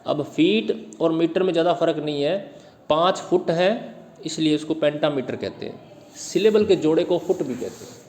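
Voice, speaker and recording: A male teacher lecturing in Hindi on English poetry, asking questions and answering them himself, and reading English lines slowly word by word. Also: a little high, expressive, a little mellow, big-room sound, slight background noise.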